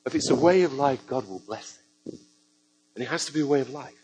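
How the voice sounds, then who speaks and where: A man's voice: medium pitch, fairly quick, slight background noise, low-quality recording. A man preaching a sermon to a church congregation, telling stories with joking asides. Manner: lively storytelling with joking asides.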